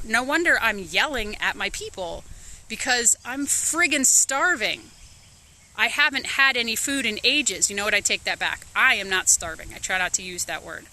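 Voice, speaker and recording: A woman's voice: medium pitch, pushed and bright. A woman life coach talking casually and candidly to her followers, swearing freely and acting out her own thoughts. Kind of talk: casual social media talk.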